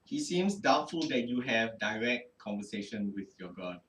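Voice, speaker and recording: A man's voice: fairly low pitch, expressive, normal speed, a bit bright, a little hiss or hum. A man narrating as game master of a tabletop game, hesitant and full of fillers. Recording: roomy, distant mic.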